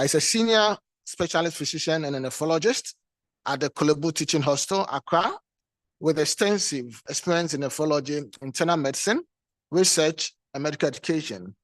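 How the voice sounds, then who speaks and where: A Ghanaian man chairing a session, giving a formal introduction in deliberate, halting phrases. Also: on the high side, dry recording.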